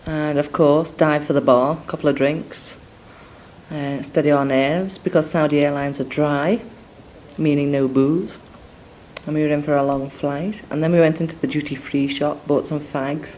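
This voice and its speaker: A woman's voice: sits low, steady tone, moderate pace, a little mellow, slight background noise, low-quality recording. Chatty young woman with a Scouse-Scots accent. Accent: Scouse mixed with Scottish. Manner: chatty and rambling, with many ums and asides. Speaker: letter writer. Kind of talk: spoken cassette letter to family. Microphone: cassette or dictaphone recorder.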